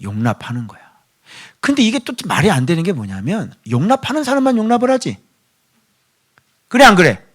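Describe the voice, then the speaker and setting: A middle-aged man preaching a sermon as pastor. He drops to hushed whispers, then rises to loud pleading, and keeps asking the congregation rhetorical questions. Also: high-pitched, huge pitch swings, a little fast, pauses often.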